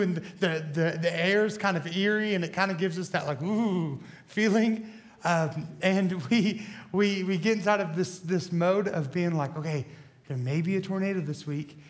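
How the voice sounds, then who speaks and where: Speaking at normal speed to a congregation in a church hall, a young student pastor delivers a lighthearted sermon. Bronchitis has left his voice hoarse and scratchy, high for a man, and his talk is rambling and self-deprecating, full of fillers and restarts.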